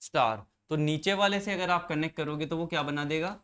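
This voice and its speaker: A man's voice: on the high side, fairly even intonation, a little fast, fairly bright tone, smooth. A man teaching an engineering class, explaining circuits step by step and quizzing his students as he goes. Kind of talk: classroom lecture.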